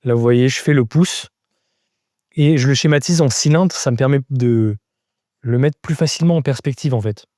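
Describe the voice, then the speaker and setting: A man's voice: medium pitch, normal speed, dark tone, no room sound, studio quality. A man giving a live-stream drawing lesson, thinking aloud step by step as he sketches and chatting casually with viewers. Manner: answers chat viewers casually. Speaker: drawing teacher.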